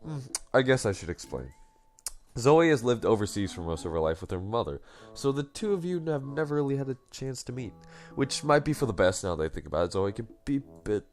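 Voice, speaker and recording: A man voicing a middle-aged father on the phone, halting and hesitant. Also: mid-range voice, big pitch swings, close to an everyday voice. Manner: hesitant, trailing off.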